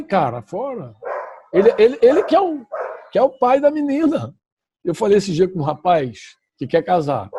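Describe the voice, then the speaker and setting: A man's voice: high voice, background noise. A middle-aged male pastor from Brazil tells a personal testimony to his church audience. He speaks emphatically and repeats himself, often correcting his words as he goes. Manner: emphatic, repetitive storytelling with self-corrections.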